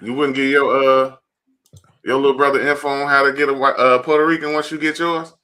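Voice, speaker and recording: A man's voice: medium pitch, level tone, a little fast, bright, forceful tone. A man co-hosting a podcast in casual chat, blunt, emphatic and profane. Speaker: podcast co-host.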